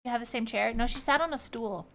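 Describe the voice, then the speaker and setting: Bright, cute anime-style woman streamer. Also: a little high, quick pace, vocal fry. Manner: exclamatory, expressive reactions. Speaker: streamer reacting to a video. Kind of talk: casual live reaction chat.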